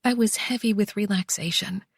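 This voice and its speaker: A woman narrating a first-person romance audiobook, soft and slow, with breathy whispered passages. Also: mid-range voice, no room sound, clean studio sound.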